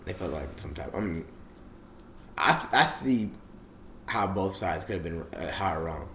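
A man's voice: low-pitched, lively intonation, measured pace, a bit bright. A young man in casual chat as a podcast co-host, rambling with many fillers and restarts. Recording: roomy echo, faint background noise.

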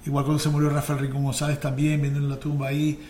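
A man's voice: fairly high pitch, fast, a little hiss or hum. A man from Maracaibo with a Maracaibo Venezuelan accent, a musician chatting as a guest and acting out voices in his stories. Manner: animated storyteller, acts out voices, restarts often. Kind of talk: casual conversational interview. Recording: echoey room.

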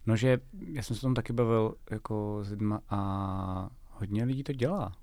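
A man's voice: fairly low pitch, a little mellow, no room sound. A man co-hosting a casual podcast, rambling and trailing off with fillers. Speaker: podcast co-host. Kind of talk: casual chat.

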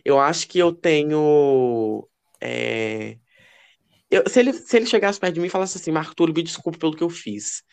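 A man co-hosting a podcast, telling gossipy stories in a casual, animated way. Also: moderate pace, creaky, clean tone. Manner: expressive, lively pitch. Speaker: podcast co-host. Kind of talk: casual chat.

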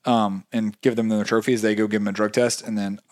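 A man's voice: on the low side, little pitch movement, a little fast, a little mellow. A man co-hosting a casual podcast, rambling and joking as he talks. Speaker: podcast co-host.

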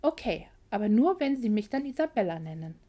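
A woman voicing an excitable, scatterbrained young heroine in a storybook reading, lively and easily flustered. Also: mid-range voice, a little fast.

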